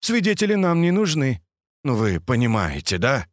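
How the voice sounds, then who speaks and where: A man voicing a cold, calm villain professor in an audiobook story, speaking mockingly. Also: mid-range voice, normal speed, dry recording, studio quality, pitched above the performer's own voice. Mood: cold menacing.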